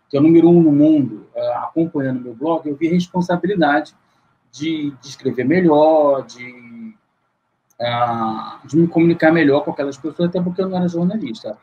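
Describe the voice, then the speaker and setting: A middle-aged man from Rio de Janeiro, Brazil, CEO in the luxury market, is interviewed over a video call and tells his story in a long, rambling way full of fillers and restarts. His voice is on the high side, a little mellow and husky, with the highs cut off.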